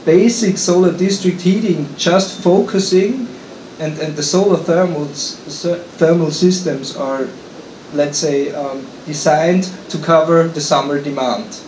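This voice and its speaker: A man's voice: fairly high pitch, a little mellow, a little hiss or hum. Austrian-accented man presenting in an echoey hall. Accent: Austrian German. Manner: halting, frequent restarts and fillers. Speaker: conference presenter, engineer. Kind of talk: conference presentation. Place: conference hall.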